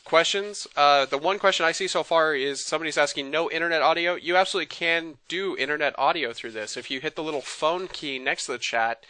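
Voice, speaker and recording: A man presenting an enthusiastic sales webinar, talking fast out of excitement and addressing the audience as folks. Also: on the high side, clean tone, dry recording.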